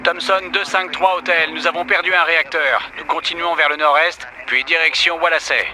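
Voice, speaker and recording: A man's voice: on the high side, steady tone, normal speed. A man playing an airline pilot who sends terse, urgent distress calls over a cockpit radio transmission. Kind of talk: dubbed documentary reenactment. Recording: noisy, distant radio transmission.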